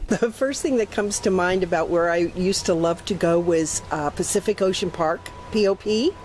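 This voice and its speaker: Woman in her 60s from england, low-ish voice, reminiscing, bit of hiss behind. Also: moderate pace, a little mellow, poor audio. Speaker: interviewee. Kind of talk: reminiscing documentary interview.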